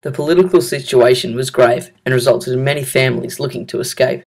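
A young man reads a school project script in a gravelly, creaky voice at a middle pitch. His delivery is earnest and steady, plainly reading from a script. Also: brisk. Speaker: student narrator.

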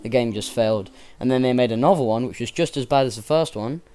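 A man's voice: mid-range voice, fast talker, warm tone, faint music behind. A young man giving casual, rambling gameplay commentary, enthusiastic and swearing freely. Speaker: let's play gamer.

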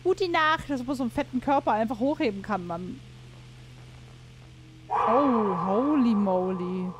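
A woman's voice: on the high side, animated, measured pace, noisy background. A woman giving casual let's-play commentary on a horror game, chatting to herself and viewers, cursing and exclaiming when something startles her. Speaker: gaming streamer.

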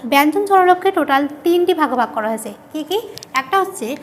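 উঁচু গলায় শিক্ষিকা, ধীরে ধীরে ব্যাকরণ বোঝাচ্ছেন. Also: female voice, high voice, lively intonation, slight background noise. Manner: repeats key terms slowly, asks and answers her own questions. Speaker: teacher. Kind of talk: grammar lesson.

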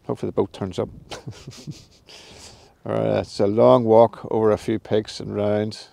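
A man's voice: fairly low pitch, level tone, unhurried, vocal fry, warm tone, no room sound. A man in his fifties chatting to a handheld camera on a windy mountain summit, laughing often and joking at his own expense. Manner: chatty, laughs often, self-deprecating jokes. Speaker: outdoor vlogger. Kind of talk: casual vlog to camera. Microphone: phone camera held at arm's length.

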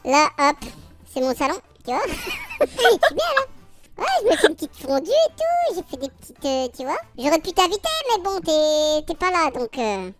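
Guy doing a squeaky cartoon frog, super high voice, teasing and joking around on a video call. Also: sing-song, normal speed. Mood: chatty. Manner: playful, teasing, chatty banter. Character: cheeky male cartoon frog on a tropical beach. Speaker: YouTuber trolling strangers on video chat. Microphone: video-call mic.

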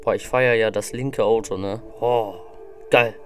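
A man's voice: on the low side, steady tone, unhurried. A man giving casual, enthusiastic, rambling reaction commentary on music into a desk microphone. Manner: enthusiastic, slangy, rambling with fillers.

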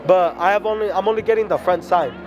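An excited, starstruck man chatting casually in slang as a fan at a convention. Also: high-pitched, quick pace, lo-fi sound. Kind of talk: casual chat. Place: large indoor convention hall. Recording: loud crowded hall, music and chatter. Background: loud crowd and music.

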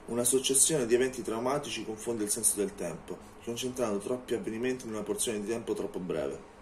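A man reading an audiobook in steady, measured narration. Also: lowish voice, slight background noise.

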